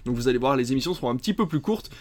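A man's voice: medium pitch, lively intonation, very fast, darkish tone. A man hosting a casual film podcast, reading a long list of titles with many hesitant fillers. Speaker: podcast host.

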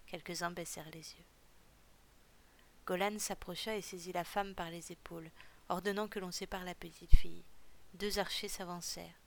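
Low-voiced woman narrating a story. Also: moderate pace, vocal fry, slight background noise. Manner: steady, even storytelling. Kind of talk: audiobook narration.

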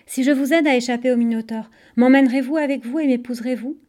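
A woman reading the part of a young princess in a storybook, earnest and imploring. Her voice is fairly high and mellow. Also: moderate pace, lightly acted.

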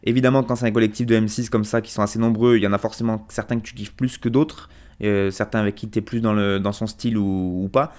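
A man's voice: on the low side, steady tone, fast, darkish tone. A man hosting a rap radio show, chatting casually with many fillers and restarts.

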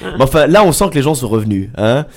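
A man's voice: medium pitch, big pitch swings, fast talker. A man delivering a sarcastic, theatrical comic column in a radio studio. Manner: sarcastic, theatrical, with mock exclamations.

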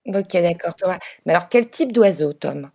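A woman's voice: lowish voice, expressive, normal speed, darkish tone. A woman playing a pushy, self-important field reporter who keeps pressing her questions in a comedy sketch. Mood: insistent. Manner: insistent, bossy.

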